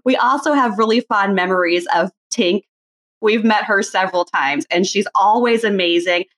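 A middle-aged woman speaks as a guest in an easygoing chat. She tells her stories in a fond, nostalgic way, and her voice sits at a middle pitch. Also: moderate pace. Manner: warm and fond, nostalgic storytelling. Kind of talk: casual chat.

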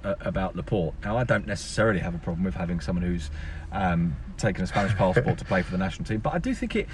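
A man co-hosting a casual, opinionated football podcast outdoors in a car park, emphatic and thinking aloud. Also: fairly low pitch. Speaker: sports journalist and podcast co-host. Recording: outdoor car park with audible ambient noise.

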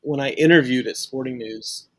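A man's voice: mid-range voice, moderate pace, fairly bright tone, breathy edge, dry recording. A man from St. Louis, a sportswriter guest on a casual podcast, talking earnestly and restarting his sentences as he thinks aloud. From St. Louis, USA.

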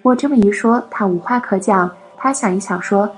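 A woman narrating a first-person story in a steady, measured reading. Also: medium pitch, faint music behind.

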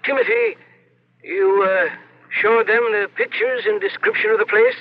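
Radio drama: cryptic old lawyer, male actor, high-set deliberate voice, lo-fi broadcast. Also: fairly even intonation, close to an everyday voice. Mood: wary. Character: penny-pinching old Irish solicitor, guarded and foreboding. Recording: muffled, faintly noisy old radio.

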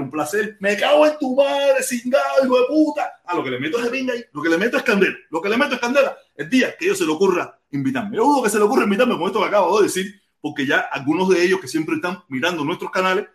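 High and a bit bright, this Cuban-accented man's voice sounds roomy as he runs a laid-back livestream and reads comments from viewers. Hailing from Cuba, he's rambling and repetitive, with crude cursing throughout.

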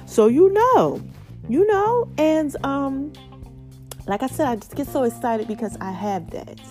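A woman's voice: high voice, expressive, unhurried, music in the background. A woman hosting a casual inspirational talk, her speech slightly lisped and mouth-full from stitches after mouth surgery, with folksy repeats and frequent check-ins with the listener. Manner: folksy, repeats phrases, checks in with "okay" and endearments. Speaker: podcast host.

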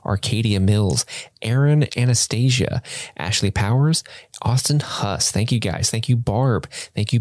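Man, podcast co-host, playful, sing-songy, trips over names, dry close sound, mid pitch. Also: darkish tone, no room sound. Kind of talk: casual podcast chat and patron shoutouts.

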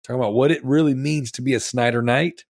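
A man's voice: medium pitch, fairly even intonation, fairly quick, vocal fry, a little mellow, no echo, clean studio sound. A man hosting a casual podcast, wheezy and stuffed up from being sick, rambling enthusiastically in loose slang. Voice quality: wheezy, congested, snotty. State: sick with strep throat, mouth-breathing. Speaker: podcast host. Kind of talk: casual chat.

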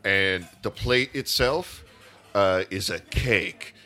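Hesitant comic man, bright low voice. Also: slow pace, faint music behind. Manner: hesitant, padded with fillers. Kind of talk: comedic improvised sketch.

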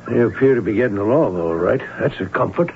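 A man's voice: fairly low pitch, expressive, fast talker. An actor playing a neighbor man who watches and reports what he sees, in an old radio drama. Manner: observant, describing what he sees. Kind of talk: 1940s radio acting. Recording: noisy, tinny old radio recording.

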